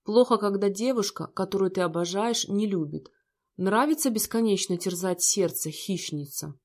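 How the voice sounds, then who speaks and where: A woman's voice: mid-range voice, normal speed, darkish tone, close to an everyday voice. A cold, bitter rich young man snaps out harsh, scornful lines, as a woman reads him in a storybook. He is plainly in the middle of a told story.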